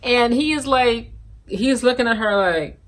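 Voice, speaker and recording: A woman's voice: a little high, unhurried, noisy background. Sassy woman from Guyana vlogging. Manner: animated and sassy, with bursts of laughter and scolding. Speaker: vlogger reviewing a reality TV show. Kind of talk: casual opinionated chat to camera.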